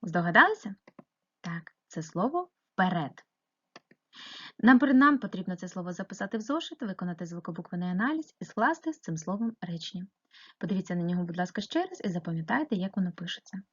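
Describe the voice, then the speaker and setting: Lively woman teacher, husky voice. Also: on the low side, fairly quick, lo-fi sound. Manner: patient, questioning, explaining step by step. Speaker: primary school teacher. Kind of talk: remote lesson narration.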